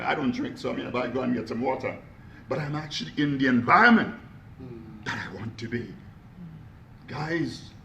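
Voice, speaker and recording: A motivational speaker with a gravelly, mid-range voice gives an energetic talk to a live audience, posing questions to them along the way. His voice has a rough, creaky edge, and the echoey room carries a faint hiss underneath.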